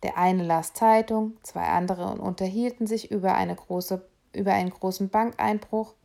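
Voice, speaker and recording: A woman narrating a children's novel aloud in a steady, expressive storytelling manner. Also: medium pitch, normal speed, gravelly. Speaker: reader.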